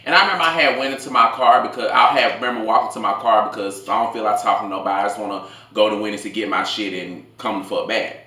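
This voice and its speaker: A man in his late twenties telling a casual, rambling story in slangy, animated talk as a food vlogger. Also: fairly low pitch, fast, few pauses. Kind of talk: casual storytime told over a meal. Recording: echoey room.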